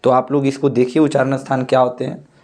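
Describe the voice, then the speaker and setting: A man teaching a grammar lesson for board exams, slowly explaining each point and drawing out the rules he recites. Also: medium pitch, completely flat delivery, a little mellow, slight background noise. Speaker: Sanskrit teacher. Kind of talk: board-exam grammar lecture.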